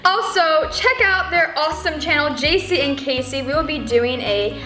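A woman's voice: sits high, normal speed. A female host chatting casually through a food challenge video, giggly and upbeat. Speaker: channel host. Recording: roomy room with background music.

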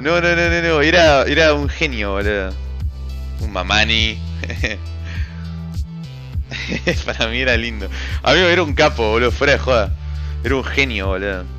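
A man's voice: fairly low pitch, sharp tone. A young man with an Argentine accent, a streamer chatting casually with his chat, slangy and rambling, swearing often. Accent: Argentine Spanish. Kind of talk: casual chat reading a live chat. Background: background music.

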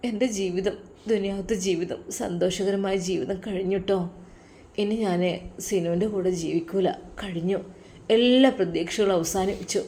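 A woman voicing a heartbroken young woman, an elder sister who talks softly and sorrowfully in a storytelling recording. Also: mid-range voice, steady tone, normal speed, slight background noise, lightly acted. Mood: grieving. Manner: soft, sorrowful, subdued.

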